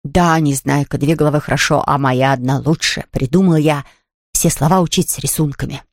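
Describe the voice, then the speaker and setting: A narrator voicing a smug, self-important artist in a storybook reading, slow and drawling. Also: medium pitch, fairly even intonation, dry recording, clean studio sound, lightly acted. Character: self-satisfied grown artist, slow and pompous.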